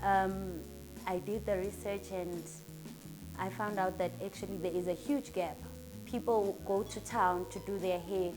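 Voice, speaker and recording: A woman's voice: mid-range voice, fairly even intonation, unhurried, over music. A woman in her thirties from Durban with a South African accent, a salon owner answering interview questions in an earnest, upbeat and motivational way.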